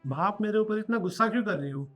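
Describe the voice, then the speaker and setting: A fairly high-voiced young husband pleads and defends himself against his scolding mother, as a man acts him out. Soft music sits quietly behind him. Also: expressive, fast, muffled recording. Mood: defensive. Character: young working husband, short-tempered then apologetic. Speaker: son and husband. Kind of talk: short family drama acting.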